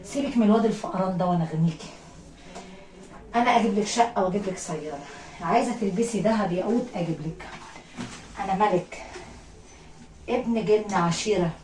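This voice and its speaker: A woman with an Egyptian accent voicing a possessive male jinn king who speaks in a low, pressing murmur. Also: fast talker, pauses often, darkish tone, roomy sound, far from the mic, close to an everyday voice, rough recording.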